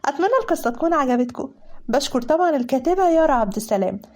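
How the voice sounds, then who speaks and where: Fast-talking Egyptian woman storyteller. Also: sits high, expressive, a little mellow. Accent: Egyptian Arabic. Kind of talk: dramatic story narration.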